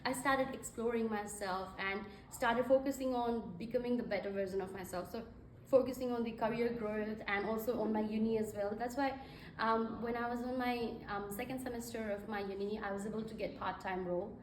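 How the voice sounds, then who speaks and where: A woman's voice: a little high, steady tone, fairly quick, distant mic, a little hiss or hum. Nepali-born woman speaking in an echoey hall. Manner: conversational, many fillers. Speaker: guest speaker. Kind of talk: event speech. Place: event hall.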